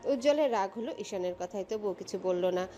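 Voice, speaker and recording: A woman narrating a romantic audio story in a steady, expressive storytelling voice. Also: mid-range voice, brisk, a little hiss or hum.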